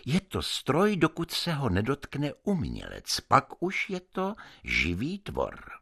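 A man giving an expressive literary reading with dramatic, sweeping intonation. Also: mid-range voice, gravelly, breathy edge. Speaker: reader.

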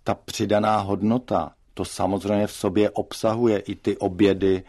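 A man arguing his point in a studio debate, measured with frequent hesitations. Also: on the low side, level tone, dark tone.

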